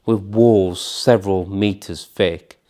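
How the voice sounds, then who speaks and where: Guy doing documentary voiceover, slow and lowish, solemn with dramatic pauses. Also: steady tone, mellow. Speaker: narrator. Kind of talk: scripted documentary narration.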